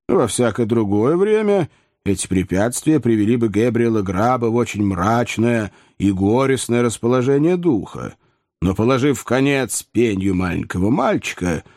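A man narrating a story as an audiobook in a measured, steady way. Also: medium pitch, no room sound, clean studio sound. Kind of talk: audiobook reading.

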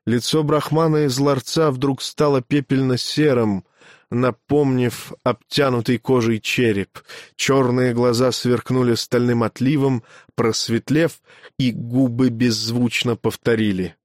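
A man narrates a novel in a measured storytelling manner. His voice sits at a middling male pitch and is recorded close and dry, with no echo. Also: steady tone, darkish tone. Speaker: audiobook reader. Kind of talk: scripted narration.

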